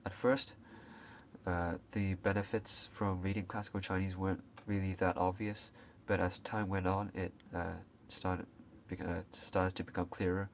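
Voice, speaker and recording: With a low pitch and little pitch movement, a young Hong Kong man talks to camera at a moderate pace. The casual, unscripted video creator hesitates, uses frequent fillers and restarts, and coughs a few times. Slight background noise is present.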